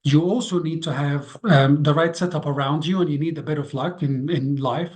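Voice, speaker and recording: A man's voice: fairly high pitch, normal speed, darkish tone. A man in his thirties from Egypt, a podcast guest talking through his career with many ums and restarts. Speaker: guest, hotel revenue co-founder. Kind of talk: casual interview talk.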